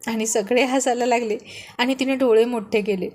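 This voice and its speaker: Give me a chatty woman reading a romantic story serial, with a fairly high voice. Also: steady tone, moderate pace, a little mellow. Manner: chatty, comments to listeners.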